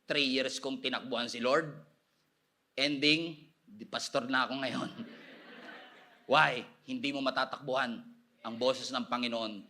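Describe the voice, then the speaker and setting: A man from the Philippines preaching a sermon as pastor, animated and switching into English, with loud shouted peaks. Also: medium pitch, unhurried, pauses often.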